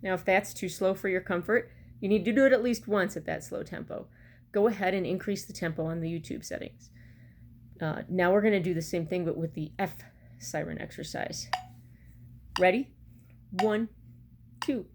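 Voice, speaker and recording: Speaking briskly in a lowish, steady, slightly mellow voice, a middle-aged practice chanter teacher walks viewers through a music lesson step by step, counting beats aloud. She's recording indoors in a small room at home, where room noise and the odd metronome click come through clearly.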